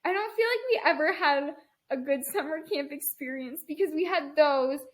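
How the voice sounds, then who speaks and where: A young woman in her early twenties with a high voice, co-hosting a podcast. She tells long rambling stories in a casual, chatty way. Her humor is dry and sarcastic. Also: moderate pace. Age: early 20s. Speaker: podcast co-host. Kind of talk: casual chat.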